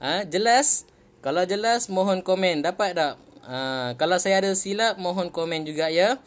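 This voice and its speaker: A man with a Malaysian Malay accent teaching Quran reading in a casual online lesson, patient and repeating each point, slowing down to recite examples. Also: sits high, expressive.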